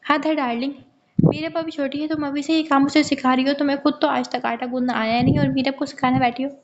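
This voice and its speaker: A woman voicing an affectionate young husband who gently teases his wife. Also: sits high, steady tone, quick pace, lo-fi sound, a little hiss or hum. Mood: teasing. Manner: fond, gently teasing.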